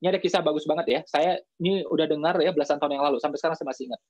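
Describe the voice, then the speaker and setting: A man preaching in a casual storytelling style to a live audience, chatty, with lots of filler tags and lively quoted dialogue. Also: fairly high pitch, racing, dry recording, dull audio.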